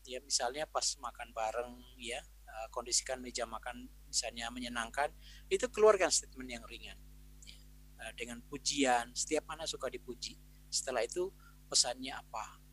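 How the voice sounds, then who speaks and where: A man's voice: medium pitch, normal speed, fairly bright tone, husky, rough recording. A man giving a conversational parenting talk in a webinar, explaining ideas and acting out what parents and teachers say, heard through a video call microphone. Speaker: Islamic parenting speaker. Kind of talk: webinar talk answering a question.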